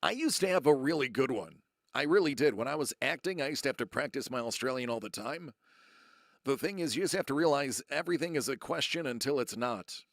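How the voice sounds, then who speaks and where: Playful game show host with gravelly voice. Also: male voice, medium pitch, animated, no room sound, clean studio sound. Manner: playful, drawn-out dramatic reveals; chatty asides to viewers in chat. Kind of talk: live-streamed trivia game show hosting.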